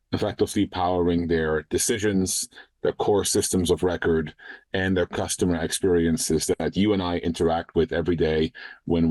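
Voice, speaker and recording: A man in his thirties from the Netherlands, a startup founder talking in a podcast interview, measured and full of "uh" and "um". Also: sits low, a little mellow, no room sound. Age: 30s. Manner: measured, frequent "uh" and "um" fillers.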